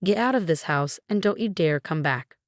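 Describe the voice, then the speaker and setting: A woman's voice: fairly low pitch, lively intonation, moderate pace, dry recording, studio quality, close to an everyday voice. A woman voicing a furious, domineering middle-aged stepmother who speaks in a commanding way.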